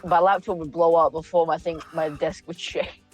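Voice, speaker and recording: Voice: medium pitch, level tone, moderate pace, soft background music. A caller joining a group voice chat call, talking casually and slightly hesitantly. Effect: heard through a group voice chat call.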